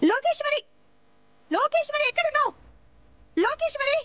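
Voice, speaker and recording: An actress playing an angry woman who shouts and accuses a relative in a TV serial, on dull TV audio. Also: very high-pitched, animated, moderate pace, very noisy. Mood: furious shouting. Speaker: Gundamma, accusing daughter-in-law. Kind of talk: Telugu TV serial acting.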